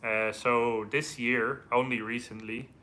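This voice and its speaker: A man's voice: mid-range voice, flat delivery, takes it slowly, pushed and bright. A thirty-year-old man with an Irish accent, chatting casually as a live stream host and reading out viewer comments. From Ireland. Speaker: travel vlogger co-hosting a live Q&A.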